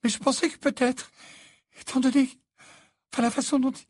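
A man voicing a worried, tearful middle-aged mother in a high fluttering voice in an audiobook. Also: flat delivery, fairly quick, a little mellow, husky, dry recording. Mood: flustered.

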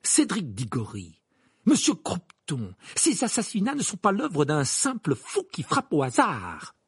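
A man's voice: a little high, wildly swooping pitch, a little slow, husky, no echo, clean studio sound, pitched above the performer's own voice, exaggerated voice. A man reading an audiobook, voicing a strict older female professor. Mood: indignant. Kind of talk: audiobook character voice.

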